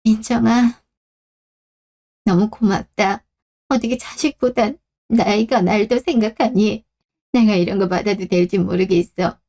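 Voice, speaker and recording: A woman's voice: medium pitch, fairly even intonation, unhurried, pauses often, mellow. Radio drama: a fed-up older mother, played by a woman, firm and scolding. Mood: grateful. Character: stern older mother, fed up with her son. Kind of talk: Korean radio drama acting.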